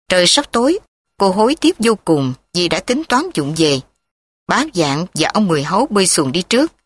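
A woman narrating a story in a steady, measured reading voice. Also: fairly low pitch, no echo.

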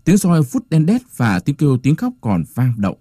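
A man reading a story aloud as narrator, dramatic and expressive. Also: on the high side, normal speed, slightly rough, no room sound, studio quality.

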